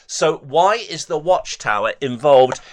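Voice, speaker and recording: Hosting a heated debate, a man with a fairly high, expressive voice talks a little slowly. He argues hard with the caller, pressing him and citing references.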